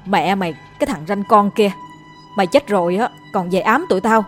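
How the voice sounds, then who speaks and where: A woman's voice: mid-range voice, expressive, a little fast, faint music behind, close to an everyday voice. Woman reading an angry defiant husband. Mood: furious. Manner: scolding and threatening.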